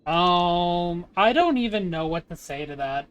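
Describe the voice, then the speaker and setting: A woman's voice: on the low side, expressive, unhurried, highs cut off. A woman streaming a game with casual, gushing, amused reaction commentary. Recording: game music behind the voice.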